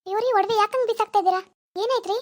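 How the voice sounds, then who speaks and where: A woman voicing a flustered young village wife in a cartoon, pleading her innocence in a very high, quick voice. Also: a little mellow. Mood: pleading confused. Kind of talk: cartoon voice acting.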